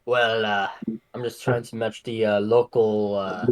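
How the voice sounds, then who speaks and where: A man plays at a tabletop role-play table, talking casually. He rambles, hedging and filling pauses as he thinks aloud. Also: lowish voice, steady tone. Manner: hesitant, rambling with many fillers. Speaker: player.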